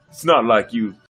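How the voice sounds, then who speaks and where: Bright and forceful at medium pitch, a man's voice carries a dramatic fairy tale reading on his livestream. As storyteller and host, he reads theatrically and playfully, throwing in chatty asides.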